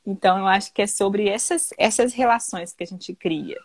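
Animated woman chatting on a podcast. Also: normal speed, no room sound, clean studio sound. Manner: animated storytelling, often ends with "né?"; acts out children's voices with big pitch jumps. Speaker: podcast host. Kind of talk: casual podcast conversation.

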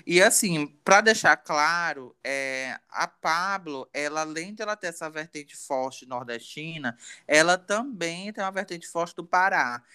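A man chatting on a podcast, his voice bright and clear. He talks in a playful, lively way with a slightly high pitch. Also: unhurried. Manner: lively, playful, laughs often. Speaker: podcast co-host. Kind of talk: casual chat.

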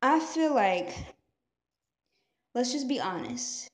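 A woman with a high, bright-pitched voice talks straight to her listeners in a motivational vlog, animated and full of rhetorical questions. Her voice carries a roomy echo. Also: slow pace. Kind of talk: motivational direct-to-camera talk.

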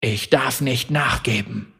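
A man's voice: a little high, normal speed, slightly rough, in a large hall, exaggerated voice. A man murmuring as a weary spirit walker. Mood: strained. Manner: quiet, restrained, murmured. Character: weary, roughened male spirit walker warrior.

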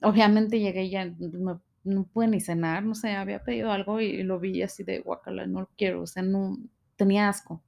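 A woman with a Mexican Spanish accent tells a personal story in an emotional, unscripted way. She keeps filling her speech with small fillers and tag questions. Her pitch sits in an ordinary middle range. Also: fairly even intonation, moderate pace, creaky, a little mellow.

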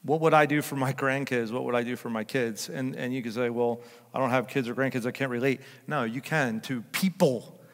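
An older man preaching a sermon as pastor, chatting and joking with his congregation, then rising to loud emphatic peaks. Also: mid-range voice, fairly even intonation, a little fast, long reverb tail. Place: church sanctuary.

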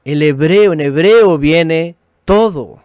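A middle-aged man with a Mexican Spanish accent, hosting a religious podcast and teaching in a lively way, with mocking imitations of others and frequent tag questions. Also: on the high side, slow, smooth, dry recording, clean studio sound. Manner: laughs often, joking with viewers. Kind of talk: live-streamed teaching talk with chat.

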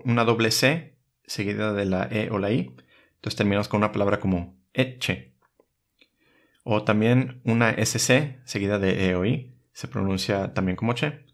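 A man, patiently teaching letter by letter in a calm lesson video. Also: on the low side, gravelly. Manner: patient, methodical, spells out letters one by one. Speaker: religious teacher.

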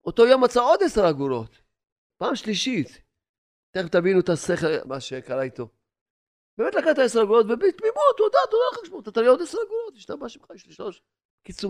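Delivering a sermon full of stories, this fairly high-voiced man alternates between forceful exhortation and quiet, murmured asides.

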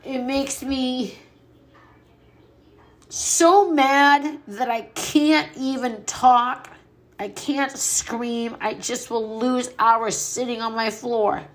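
A middle-aged woman with a slightly high voice speaks in a raw, personal monologue about loss. She is blunt and mouthy, swearing freely. Her talk is emotional, and at times she sounds short of breath. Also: steady tone, extremely slow. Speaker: podcast host.

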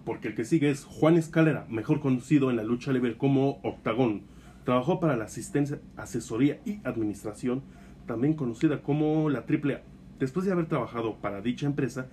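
Mellow Mexican man, wrestling announcer style. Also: medium pitch, slight background noise. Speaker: host of a lucha libre show. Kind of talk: scripted narration in wrestling announcer manner.

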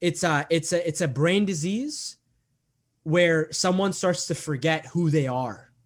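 In a laid-back interview, a young man in his 20s answers earnestly at an unhurried, steady pace. His voice sits fairly high, and he leans on repetition along with fillers like "um" and "like".

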